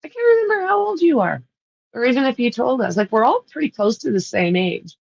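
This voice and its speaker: Hosting a livestream, a woman with a Canadian accent rambles casually to her viewers and laughs a lot. She sounds a little high and sing-song, brisk and gravelly. There's no room sound, and the highs are cut off.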